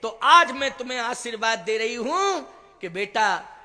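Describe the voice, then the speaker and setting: A man voicing a tender, gently firm older queen mother who speaks softly and with affection. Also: extremely high pitch, sing-song, unhurried, long reverb tail, full character voice. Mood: blessing.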